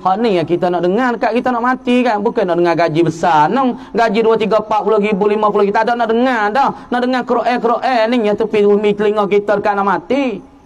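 Brief: middle-aged male preacher, high-pitched voice, emphatic and repetitive cadence. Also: fairly even intonation, fast. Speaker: religious teacher. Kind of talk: Islamic sermon.

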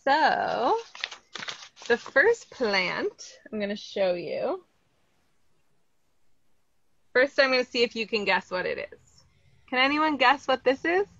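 Speaking from an indoor greenhouse over a laptop or webcam video call, a Los Angeles plant educator in her thirties with an American accent runs an upbeat online lesson and quizzes her audience. Her fairly high voice is sing-song, a little slow, gravelly and fairly bright, with no echo, though the call audio is slightly dull.

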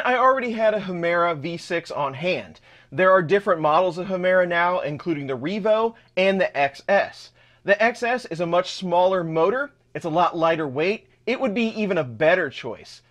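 A man's voice: high voice, a bit bright. A man in his thirties hosting a hands-on 3D printer build vlog in his home workshop, explaining parts as he shows them. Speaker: channel host.

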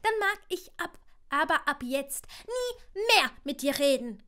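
Woman voicing a high, stubborn little boy in a read-aloud story; childish and pleading. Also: sing-song, unhurried, sharp tone, exaggerated voice. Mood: sulky. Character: small sulky boy, pouting and stubborn.

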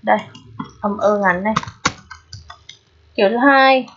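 A woman teaching an English pronunciation lesson. She explains patiently and keeps checking in with her students through quick questions. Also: medium pitch, slight background noise. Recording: dull lo-fi recording.

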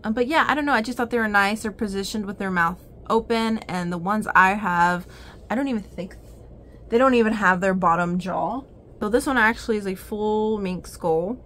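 A woman's voice: mid-range voice, moderate pace, a bit bright, slight background noise. Rambling giggly woman vlogger. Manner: rambling, giggly, many ums and restarts. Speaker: vlogger showing an oddities haul. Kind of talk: casual haul vlog chat.

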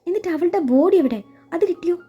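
A woman's voice: very high-pitched, expressive, quick pace, pitched above the performer's own voice. A woman voicing a grieving young husband who asks anguished, accusing questions, over dull lo-fi audio with faint music. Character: grieving young man searching for his wife.

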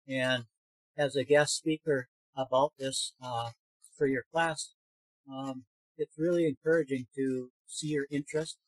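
Guest speaker, male, 50s, husky and dry, unhurried video-call talk with lots of pauses. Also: medium pitch, dry recording, rough recording. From Minnesota, USA. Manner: unhurried, thoughtful, many fillers and pauses. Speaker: guest speaker, canoe builder. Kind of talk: informal lecture over video call. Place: home study with bookshelves. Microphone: webcam video call.

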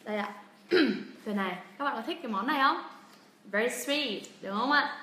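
Young woman, pronunciation teacher on a livestream, fairly high bright voice, echoey room. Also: animated, normal speed. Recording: roomy echo.

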